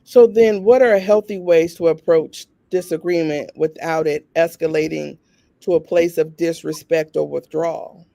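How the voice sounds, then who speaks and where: A man's voice: a little high, steady tone, creaky, dark tone, no room sound. A man co-hosting a talk show, asking questions and responding with short acknowledgments. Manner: asks questions, fills in with quick acknowledgments. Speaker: podcast co-host.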